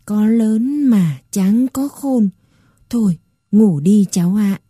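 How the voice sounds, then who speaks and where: A sighing, wise old grandmother who scolds softly, as a woman reader puts her on. The voice is dark and mellow and unhurried, with a faint husk. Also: mid-range voice, lively intonation, breathy edge, dry recording, clean studio sound. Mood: weary. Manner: soft, weary, scolding.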